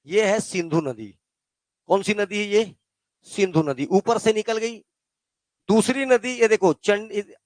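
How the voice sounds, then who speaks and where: High-voiced Hindi teacher quizzing his class. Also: no echo. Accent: Chhattisgarh Hindi. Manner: quizzes students with call-and-response questions; addresses students as "beta". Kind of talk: classroom geography lesson.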